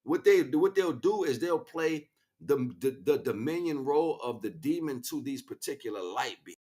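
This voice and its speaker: A man hosts a livestream as a spiritual teacher, lecturing informally off the cuff with emphatic repeated phrases and many check-ins with his listeners. His medium-pitched voice is expressive and dark in tone, at a normal speed.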